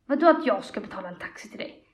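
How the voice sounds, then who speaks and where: A woman co-hosting a podcast, retelling a story in casual, animated, slangy chat. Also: mid-range voice. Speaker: podcast co-host.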